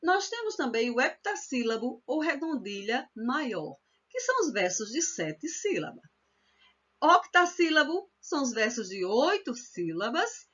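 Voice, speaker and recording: Patient Northeastern Brazilian woman teacher, lively up-and-down delivery, somewhat muffled recording. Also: high voice. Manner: explanatory, repeats examples slowly, frequent "né?" and "olha só". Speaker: cordel literature workshop teacher. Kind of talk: online workshop lesson.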